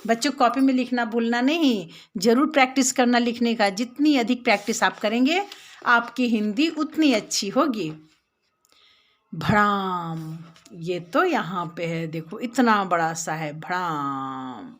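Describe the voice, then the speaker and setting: A woman's voice: medium pitch, lively intonation, measured pace. A woman with an Indian accent teaching a lesson to young children, patiently explaining step by step and repeating words. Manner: addresses the children directly.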